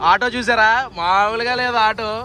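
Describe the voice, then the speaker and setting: A young man vlogs his trip on a handheld phone, chatting and teasing his friends through airports and streets. He speaks at a moderate pace in a high, bright, forceful voice with fairly even intonation, and faint music sits behind the street and traffic noise.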